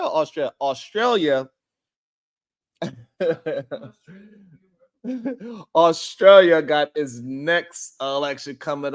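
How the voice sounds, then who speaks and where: A man's voice: fairly high pitch, fairly bright tone. A man hosting a casual livestream, talking loosely and rambling as he greets viewers in the chat and chuckles often.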